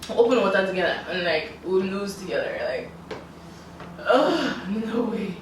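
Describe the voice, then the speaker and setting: A woman's voice: mid-range voice, animated, normal speed. A woman chatting casually and playfully as a vlog host, exclaiming and reacting as her mouth burns from spicy food. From Africa. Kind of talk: casual challenge chat. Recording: very echoey, distant mic, faint noise.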